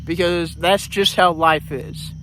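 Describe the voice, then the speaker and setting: A man's voice: fairly high pitch, steady tone, slow pace, a bit bright, a little hiss or hum. A man vlogging outdoors in a casual, rambling way, full of fillers and restarts, a little out of breath. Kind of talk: casual vlog talk.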